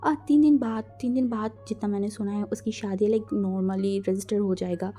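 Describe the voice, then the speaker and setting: A woman's voice: mid-range voice, fairly even intonation, normal speed, warm tone, lightly acted. A woman voicing a gossipy, wisecracking young man in a storybook reading. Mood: joking. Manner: offhand, joking.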